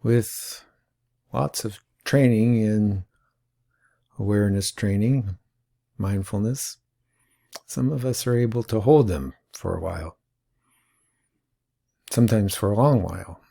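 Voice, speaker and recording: A man teaching awareness and breath work in a calm, unhurried talk with long pauses. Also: fairly low pitch, vocal fry. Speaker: mindfulness teacher.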